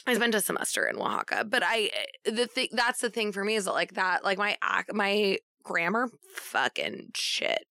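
A woman's voice: mid-range voice, brisk, few pauses, sharp tone, no room sound, clean studio sound. A woman chatting casually as a co-host, informal and free with swearing. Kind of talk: casual chat.

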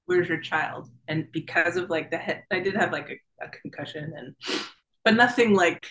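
A woman's voice: lowish voice, normal speed, fairly bright tone, poor audio. A woman in her thirties, a podcast guest, vividly retelling a personal story, chatty, with many fillers and acted-out thoughts. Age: 30s.

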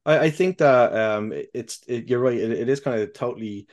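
Man co-hosting a chatty podcast, halting and restarting. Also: medium pitch, darkish tone. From the UK and Ireland. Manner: halting, many restarts and "like" fillers, casual swearing. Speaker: podcast co-host. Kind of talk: casual chat.

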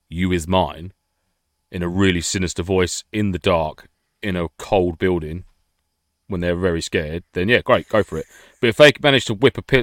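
A man co-hosting a podcast, blunt and sweary, with a gruff sense of humour. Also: deep voice, a bit bright, no echo, clean studio sound. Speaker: podcast co-host. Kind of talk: casual chat.

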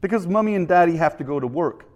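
A man's voice: fairly high pitch, expressive, fast talker, darkish tone, lightly acted. A man putting on a harried dad coaxing his son. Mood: patient. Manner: patient, then clipped, answering a child.

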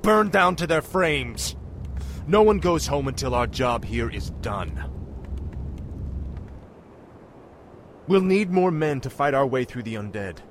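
Arthas, a low-voiced vengeful warrior prince. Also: male voice, expressive, a little slow, a little hiss or hum. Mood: commanding. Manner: commanding, intense, declamatory. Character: proud, vengeful young warrior prince and commander. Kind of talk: fantasy video game acting. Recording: music behind the voice.

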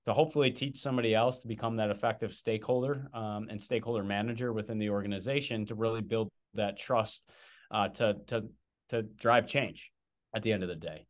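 A man's voice: on the low side, fairly even intonation, brisk. A man co-hosting a podcast, opening with casual, upbeat questions. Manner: chatty, laughing easily. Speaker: podcast co-host. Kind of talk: casual chat.

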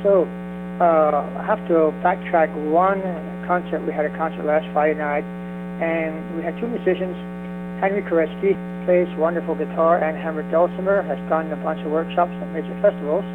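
A man speaking over the phone as a guest on a radio show, friendly and unhurried, listing things off with fillers. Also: a little high, fairly even intonation. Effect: heard over the phone. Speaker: folk music society representative, radio guest. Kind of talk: casual radio interview. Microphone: telephone. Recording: tinny phone line with hum.

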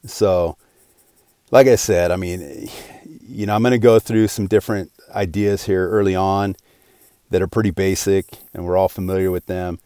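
A man's voice: low voice, steady tone, normal speed, dark tone, clean tone, no echo, studio quality. A man in his forties hosting his own podcast, talking alone in an earnest, rambling way with many restarts. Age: 40s. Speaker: podcast host. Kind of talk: casual solo podcast monologue.

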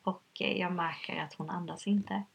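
A woman with a low, gravelly voice recounts a personal story in an interview. Her tone is husky and a little rough, and she talks hesitantly with many fillers, earnest throughout. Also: steady tone. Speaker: guest.

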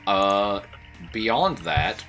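A man's voice: fairly low pitch, sing-song, extremely slow, a bit bright, faint music behind. A man co-hosting a casual podcast, loose and joking, swearing often and laughing. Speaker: podcast co-host. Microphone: own mic, recorded separately.

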